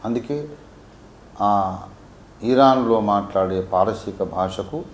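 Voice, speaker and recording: A man from Warangal, a pastor teaching a Bible sermon, swinging between quiet asides and emphatic peaks. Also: lowish voice, slow, reverberant, a little hiss or hum. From Warangal, India.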